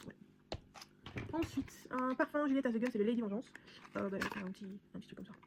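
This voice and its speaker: Young woman vlogger, fast-talking and chatty, faint room noise behind. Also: fairly high pitch, vocal fry. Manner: chatty, rambling, many fillers and restarts. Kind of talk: casual product haul vlog.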